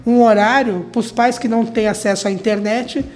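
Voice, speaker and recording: A woman's voice: a little high, fairly even intonation, normal speed, darkish tone. Woman interviewing on the radio. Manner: conversational, ending phrases with "né?".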